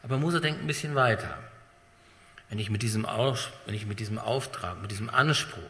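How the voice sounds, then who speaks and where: A man preaching a sermon with dramatic swings between loud emphasis and hushed, drawn-out phrases. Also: on the low side, slight background noise. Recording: long hall reverb.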